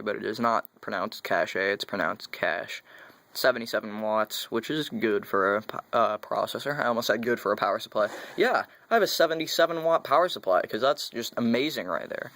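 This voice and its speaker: A man's voice: mid-range voice, fairly bright tone, no room sound. Rambling young man unboxing computer parts. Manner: rambling, self-correcting, chatty. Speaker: tech vlogger. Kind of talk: casual unboxing talk.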